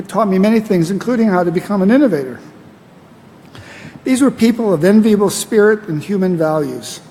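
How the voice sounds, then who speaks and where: An older man from the United States with a notably high voice delivers a prepared acceptance speech from a podium. His delivery is measured, with a dry, self-deprecating wit. His voice carries a long hall reverb over a faint hiss. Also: mellow. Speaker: honoree giving acceptance speech. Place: large ceremony hall.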